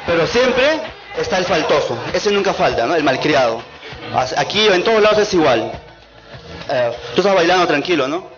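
A man's voice: a little high, big pitch swings, moderate pace, dull audio, music in the background. A man from the Peruvian Andes with an Andean accent, performing a stand-up monologue full of self-mocking asides and tag questions. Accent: Andean Peruvian Spanish. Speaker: stand-up comedian. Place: comedy stage. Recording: live stage recording with loud background noise.

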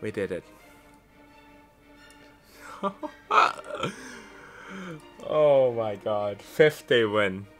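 A man's voice: fairly low pitch, animated, extremely slow, pauses often, soft background music. A young man streaming a video game live, chatting with viewers and thanking them. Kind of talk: live gaming stream chat.

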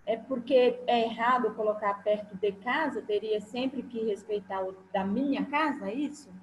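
A woman's voice: a little high, moderate pace, slight background noise, rough recording. A woman student, asking curious questions in an online class and thinking aloud as she goes.

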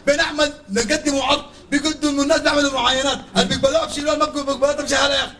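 A man's voice: extremely high pitch, level tone, bright, forceful tone, a little hiss or hum. A man playing a flustered TV presenter with a Sudanese accent. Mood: exasperated. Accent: Sudanese Arabic. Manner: exasperated, pleading, fast. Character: flustered male TV street presenter, pleading and exasperated. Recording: distant mic with a crowd behind.

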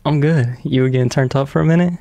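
A man's voice: medium pitch, fast talker, warm tone. A man of twenty-three from Michigan, chatting on a livestream in a laid-back, agreeable and amused way, recorded indoors on a phone. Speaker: livestream guest. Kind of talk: casual livestream chat. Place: room indoors.

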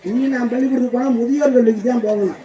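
A man's voice: very high-pitched, steady tone, rapid-fire, warm tone, recorded from a distance, dull audio. A man doing playful, teasing banter as a stage comedian, speaking into a microphone in a live show.

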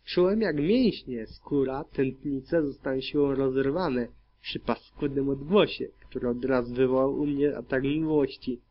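A man narrating dark fan fiction in the first person as an audiobook, reading in a grim, steady manner. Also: medium pitch, unhurried. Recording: dull lo-fi recording.

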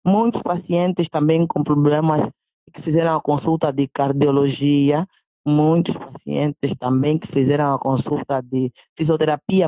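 A woman's voice: low-pitched, no room sound. A woman, a doctor summing up the community health event she organized. She talks in long lists and repeats words for emphasis. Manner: repetitive, stacking lists. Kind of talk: event summary in a report. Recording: tinny phone-like sound.

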